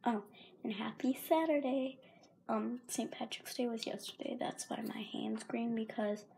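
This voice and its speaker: Her voice fairly high, gravelly and mellow, a sore-throated teen moves at a moderate pace through a casual pet vlog, rambling, apologizing and often half-whispering. She films on a handheld phone in a carpeted room at home, and a little hiss or hum is audible.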